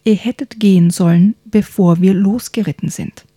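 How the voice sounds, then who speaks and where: A woman's voice: medium pitch, steady tone, moderate pace, dark tone, slightly rough, no echo, studio quality, close to an everyday voice. A woman voicing a polite, exasperated talking horse who serves a young prince in a children's story. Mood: patient, reproachful.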